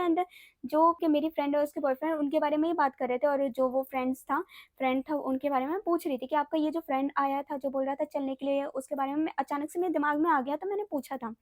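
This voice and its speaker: A woman's voice: sits high, steady tone, fast, dry recording. A young woman vlogger chatting casually through a personal story, slipping English phrases and fillers into her Hindi.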